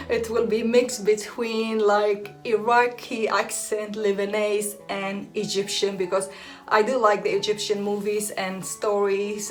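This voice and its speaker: This hair and beauty vlogger, a young woman from Iraq with Aramaic as her first language, talks to the camera in a relaxed way at a medium pitch. She laughs often and keeps restarting what she's saying.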